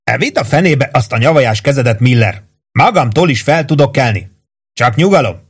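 A man's voice: medium pitch, lively intonation, breathy edge, pitched above the performer's own voice. A man reading aloud, voicing a defiant young army private who answers back sharply. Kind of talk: audiobook reading.

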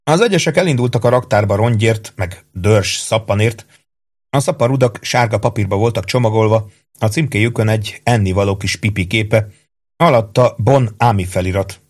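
A man reading a novel aloud in steady, even narration. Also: fairly low pitch. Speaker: audiobook narrator. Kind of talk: scripted narration.

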